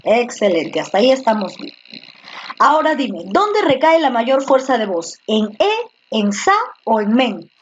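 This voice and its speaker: A woman teaches an online class through a computer microphone, patiently repeating words and quizzing her students. Her voice is a little high, sing-song and a little slow. The lo-fi audio is slightly muffled, with slight background noise.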